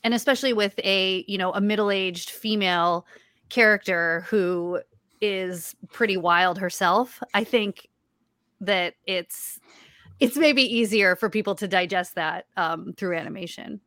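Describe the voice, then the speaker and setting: A woman with a childlike, mid-range voice that's a bit bright talks at a measured pace as a guest in a casual interview about her writing and voice acting. She's chatty, often restarting sentences and using fillers. The recording is clean studio sound with no echo.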